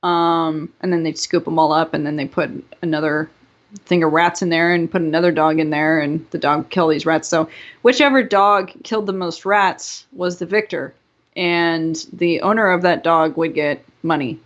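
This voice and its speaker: A woman's voice: low-pitched, steady tone, moderate pace. A woman co-hosting a casual podcast, rambling through a history story with giggles and silly put-on quotes. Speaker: podcast co-host. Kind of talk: casual chat.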